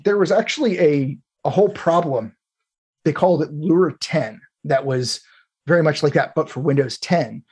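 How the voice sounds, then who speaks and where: A male voice, fairly high for a man and noticeably husky. He explains technical material conversationally, like a host thinking aloud in an informal discussion. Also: moderate pace, a little mellow.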